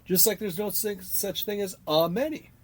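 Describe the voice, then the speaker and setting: A man's voice: high-pitched, flat delivery, normal speed, a little mellow. A man co-hosting a podcast in casual chat, telling a rambling story, swearing and laughing hard. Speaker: podcast co-host.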